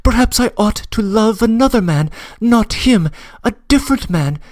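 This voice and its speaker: High-pitched and a little mellow, a man's expressive voice moves at a moderate pace in a dry recording. In this classic-novel audiobook he voices a passionate young woman whose earnest plea, close to tears, comes as a trembling, breathless confession.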